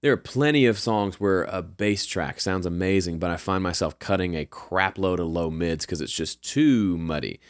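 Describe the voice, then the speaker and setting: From his home studio, a man with a low, slightly nasal voice hosts a show, casually answering listener questions with advice. He talks at normal speed with hardly any pauses, relaxed and conversational, full of fillers and restarts, and the recording is dry.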